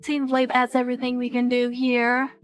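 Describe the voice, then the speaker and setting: A woman streaming a video game, reading its text aloud in an even, measured way with brief comments of her own. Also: on the high side, soft background music. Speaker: let's play streamer.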